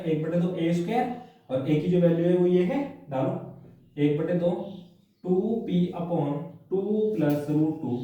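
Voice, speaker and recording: A high-pitched male maths teacher with a mellow, dark tone. He talks each step through aloud, firing rhetorical questions at his students. The sound is very echoey, as if the mic sat some way off in a bare room. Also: distant mic. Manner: habitual "है ना" and "ठीक है भैया" tags. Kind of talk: worked-problem maths lesson.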